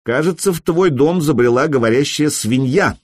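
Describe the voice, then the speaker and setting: A man voicing a bold young man who answers with booming sarcasm. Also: expressive, moderate pace, no echo. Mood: mocking. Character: bold young man in a Viking hall, cool and mocking.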